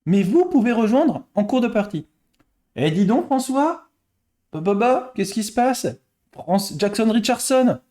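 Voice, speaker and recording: High-voiced man chatting on a live stream. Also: sing-song, unhurried, warm tone. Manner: chatty, greets and thanks viewers, thinks aloud over answers. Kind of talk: casual live-stream chat while playing quiz games.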